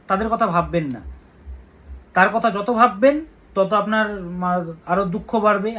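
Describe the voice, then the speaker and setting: A man with a Bengali accent, an astrologer giving earnest weekly horoscope advice and slowly chanting mantras. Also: high-pitched, a bit bright.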